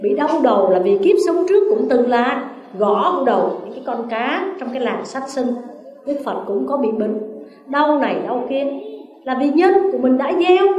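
With a fairly high voice, a nun speaking in a Southern Vietnamese accent delivers a Buddhist dharma talk full of stories, lively shifts and questions for her audience. The recording is muffled, roomy and taken from a distant mic.

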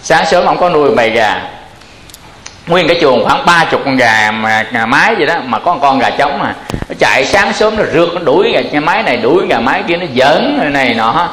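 A chatty man telling a folk tale. His voice sits a bit high and rings in an echoey room. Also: brisk. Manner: lively, chatty. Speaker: storyteller.

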